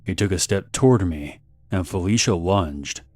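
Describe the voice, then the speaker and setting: Deep-voiced man narrating a horror story. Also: moderate pace, darkish tone, no room sound.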